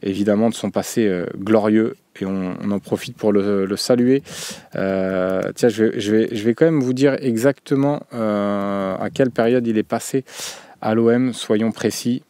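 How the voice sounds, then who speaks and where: A man's voice: fairly low pitch, fairly even intonation, normal speed, dark tone, no room sound. Hesitant man hosting a live quiz. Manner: hesitant, many fillers and restarts. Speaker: show host. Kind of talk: casual live show chat.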